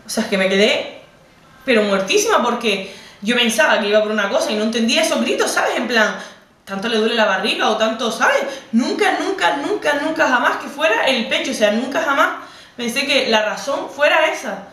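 A woman's voice: a little high, expressive, brisk, fairly bright tone, far from the mic. A young woman with a Canarian Spanish accent retelling a personal story to camera in an emotional, repetitive, conversational way. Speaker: vlogger. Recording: roomy, set back from the mic.

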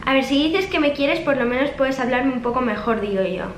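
High-voiced young woman vlogging. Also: lively intonation, brisk, a little hiss or hum. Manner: chatty, dramatic, reads messages aloud with punctuation. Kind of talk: casual storytelling, reading text messages aloud. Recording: echoey room with faint background music.

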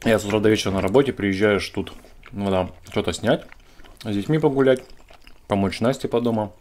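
A man's voice: fairly low pitch, fairly quick, darkish tone, a little hiss or hum. A man in casual chat, talking while chewing food and rambling with fillers. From Russia's Far East. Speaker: mukbang co-host.

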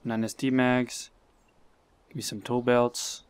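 A young man commenting live on his gameplay, talking to himself and getting excited. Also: medium pitch, slow pace, clear, resonant tone. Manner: excitable, talks to himself, swears and laughs.

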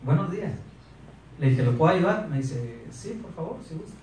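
Speaking into a handheld mic in front of a projector screen in a meeting room, this Mexican-accented sales speaker in his thirties gives a lively pep talk and quizzes the crowd. His pitch runs a little high and his pace is moderate. He's captured by a distant mic in an echoey space, with a faint hiss or hum.

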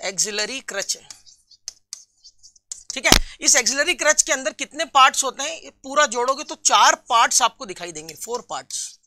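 A man teaching a live online class for nursing exam students. He reads out viewers' answers, calls them friends and repeats key terms slowly. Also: very high voice, background noise.

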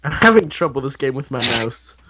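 Brief: male gamer guest, joking and rambling, trailing off, ordinary middle pitch. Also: lively intonation, brisk, bright, forceful tone, a little hiss or hum. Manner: playful, rambling, trailing off mid-sentence. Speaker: co-host gaming guest. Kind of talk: casual gaming chat.

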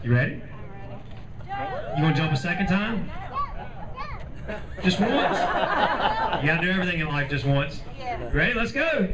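A man's voice: high voice, big pitch swings, measured pace, long pauses. A middle-aged man hosting a live outdoor event, speaking off the cuff with teasing, jovial banter into a PA microphone. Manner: jovial, teasing crowd-working. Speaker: event host, announcer. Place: outdoors in a parking lot by a pool. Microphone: handheld PA microphone, picked up by a distant camera. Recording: distant lo-fi PA sound, crowd noise. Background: loud crowd.

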